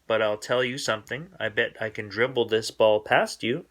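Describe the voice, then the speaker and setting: Male reader as young brother bear in a bedtime story, bright, stubborn, boastful. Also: lowish voice, fairly even intonation, moderate pace, lightly acted. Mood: protesting.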